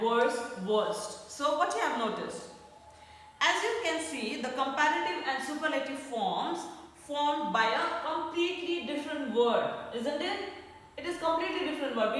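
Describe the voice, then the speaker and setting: A woman's voice: fairly high pitch, a bit bright. A woman with an Indian English accent teaching a grammar lesson online. She spells words letter by letter and often checks with "okay?". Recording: echoey room, far from the mic.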